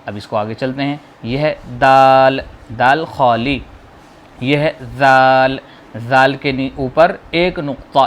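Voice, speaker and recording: A man teaching how to read the Quran, slowly drawing out each letter sound and patiently explaining how to pronounce it. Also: mid-range voice, muffled recording. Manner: slow, drawn-out modeling of sounds, explaining patiently. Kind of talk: spoken lesson on letter pronunciation.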